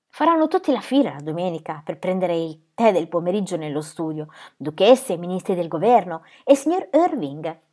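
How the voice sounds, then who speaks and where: A woman's voice: big pitch swings, normal speed, mellow. Woman reading a novel aloud. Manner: lifts pitch and volume for quoted dialogue, drops low for speech tags. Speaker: reader of a novel. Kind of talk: audiobook reading of a novel with voiced dialogue.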